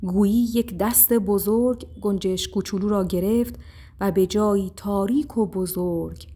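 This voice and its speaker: A woman narrating a children's story in a calm, steady reading voice. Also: mid-range voice, breathy edge.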